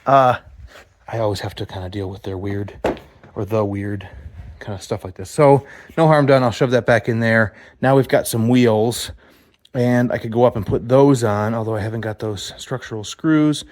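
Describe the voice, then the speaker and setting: A man's voice: lowish voice, normal speed, darkish tone. A man narrating a build vlog for theater sets in a rambling, chatty way, explaining his work as he goes. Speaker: set builder. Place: theater stage and workshop.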